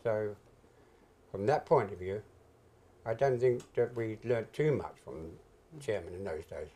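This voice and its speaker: Older British man reminiscing, mellow dark voice. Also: lowish voice, expressive, unhurried, husky. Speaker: interviewee, retired stock jobber. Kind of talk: reminiscing in an oral history interview.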